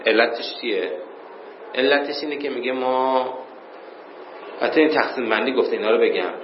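A man teaching an informal class. He reads passages aloud in Arabic, then explains them plainly and chuckles now and then. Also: medium pitch. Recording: roomy, dull lo-fi recording with faint noise.

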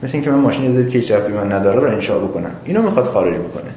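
A man's voice: fairly low pitch, animated. A man lectures a class, and his voice rises and falls a lot as he reasons aloud through examples. The room is echoey and the recording is dull and lo-fi, with a faint hiss behind him. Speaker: seminary teacher.

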